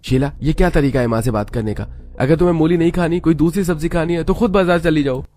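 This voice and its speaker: Bossy cartoon mother-in-law, high and sharp-tongued; a male narrator does her. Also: normal speed, natural voice. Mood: scolding. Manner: scolding, bossy. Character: stern older mother-in-law woman.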